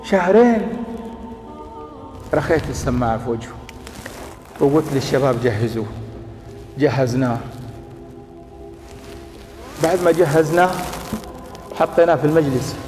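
A middle-aged man telling a story as a sermon, impassioned and rising to near-shouting. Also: medium pitch, normal speed, long pauses. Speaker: preacher who washes the dead. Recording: echoey hall with faint music.

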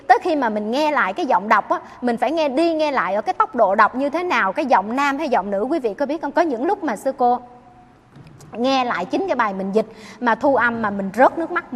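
A woman's voice: on the high side, expressive, fairly quick, breathy edge, in a large hall. A Buddhist nun giving an earnest dharma talk, often questioning her listeners. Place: temple hall.

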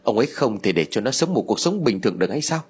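Voicing a grief-stricken older mother in an audio story, a man speaks fast in a mid-range voice with big pitch swings and a breathy edge. The character is distraught, wailing and blaming her husband through tearful, pleading outbursts.

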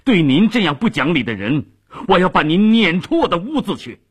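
A man's voice: high-pitched, sing-song, fairly quick, slightly rough, voice pushed up, exaggerated voice. A man voicing an enraged old commoner father who throws a powerful official out, in a radio story. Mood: furious. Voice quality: raised, shouting. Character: furious old male musician father, proud commoner.

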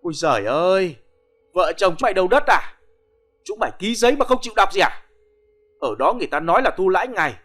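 A man's voice: high voice, voice pushed up, heavily acted. A man doing a pushy, scolding middleman. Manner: fast, loud and scolding.

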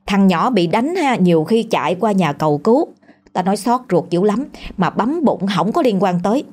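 Southern vietnamese lady chatting through a ghost story, warm low tone, steady pitch. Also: normal speed. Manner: chatty, colloquial retelling.

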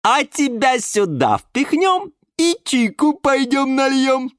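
A man's voice: very high-pitched, sing-song, slow, dry recording, clean studio sound, voice pushed up, full character voice. A man voicing a kindly, chatty woman who keeps a greenhouse and coos at her plants in a storybook. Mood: cooing. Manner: cooing, nonstop chatter.

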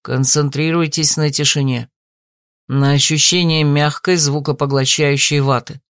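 A woman putting on a courteous, composed man for an audiobook, his voice dropped well below her own and spoken in a measured, politely amused way. It sounds dry and close, with no room around it. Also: deep voice, fairly even intonation, no room sound, voice pushed down. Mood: decisive. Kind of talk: audiobook character voice.

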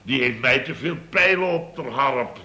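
An actor voices an exasperated, blustering construction boss for Dutch radio comedy, repeating himself and exclaiming through his stories. He speaks at a moderate pace in a medium pitch, with lively intonation and a pushed, bright sound.

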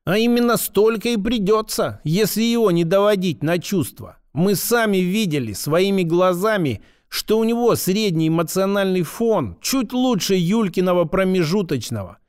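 A calm woman psychologist, as a male reader puts her on, laying out her arguments in a sober, level tone. The voice is lifted clearly higher than the narrator's. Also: moderate pace, few pauses. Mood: calm arguing. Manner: calm, reasoning.

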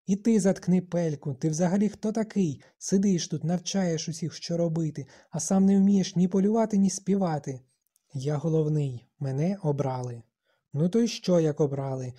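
An audiobook narrator voicing an aggressive, mocking boy who shouts, in a dark husky voice. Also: mid-range voice, moderate pace, natural voice. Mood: scornful. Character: aggressive bossy boy hunter.

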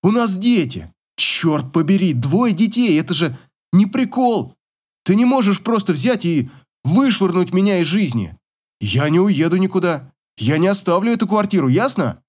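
A man voicing an angry, desperate husband who shouts, pleads and accuses. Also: high-pitched, sing-song, moderate pace, breathy edge, pitched above the performer's own voice, exaggerated voice.

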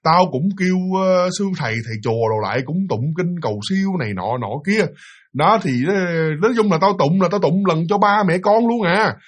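A man voicing a worried, grieving widower who talks low and weary, stumbling over his words. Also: lively intonation, fairly quick. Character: worried grieving middle-aged widower landlord.

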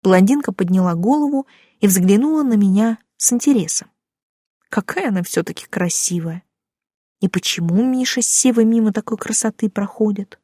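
A woman narrating first-person fiction in a lively, expressive reading voice. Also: medium pitch, moderate pace, slightly rough, dry recording, studio quality. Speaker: audiobook narrator.

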